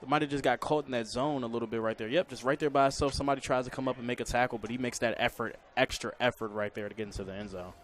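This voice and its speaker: A man's voice: mid-range voice, steady tone, very fast, few pauses, a bit bright. An American man giving conversational colour commentary on football, often repeating his phrases.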